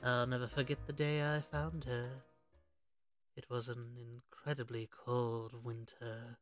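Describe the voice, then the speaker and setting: A genteel, old-fashioned gentleman hunter, played by a man, speaks with formal courtesy in a comic dub. He takes his time with every phrase at a middling pitch. The sound is dry, with music underneath. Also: dry recording. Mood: reflective narration. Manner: polite, formal, endearments.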